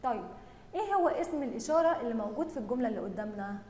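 A woman with an Egyptian accent teaching young children Arabic reading, stretching out words slowly and praising them often. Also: fairly high pitch, expressive, echoey room, long reverb tail, very noisy. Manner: drawn-out syllable-by-syllable reading, praising and questioning pupils. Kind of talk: recorded online lesson for young children.

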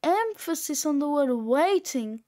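A woman puts on a mischievous old grandfather in a storybook reading. He teases and gloats. He speaks slowly. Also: high voice, animated, a little mellow. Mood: teasing.

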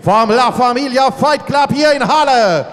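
A man working as a ring announcer, presenting fighters in a showy manner with drawn-out, shouted names. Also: very high voice, expressive. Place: large indoor sports arena. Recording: echoing arena PA, noisy.

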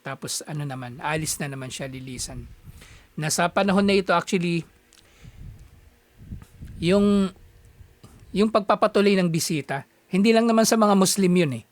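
A man teaching a religious lesson as a casual story, in a chatty way that halts often to find his words. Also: high-pitched. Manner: conversational, halting with frequent fillers. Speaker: Islamic teacher.

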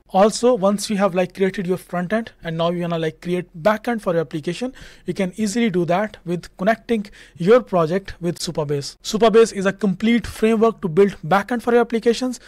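A young man walks viewers through building a phone app, chatty and loose, leaning on fillers as he goes. His voice sits fairly high for a man. The sound is close and dry from a studio mic in a home room. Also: darkish tone, no echo. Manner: casual, repeats fillers like "just" and "like". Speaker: tech tutorial host. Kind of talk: screen-share coding tutorial. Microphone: studio mic on a stand in front.

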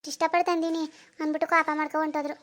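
A woman voicing a hesitant, sulky young married daughter in an animated cartoon, speaking softly. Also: high-pitched, very fast. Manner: soft, reluctant.

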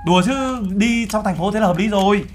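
A man's voice: high-pitched, fairly quick, faint music behind, natural voice. A man playing a bragging overseas CEO. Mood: boastful. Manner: brash, bragging, teasing. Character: boastful male overseas-Vietnamese CEO. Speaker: streamer role-playing in a game. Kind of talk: game role-play banter.

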